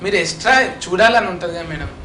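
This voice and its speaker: A man's voice: high voice, expressive, rapid-fire, bright, forceful tone, echoey room, a little hiss or hum. A man interviewing guests in teasing, playful banter. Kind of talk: casual Telangana-dialect banter.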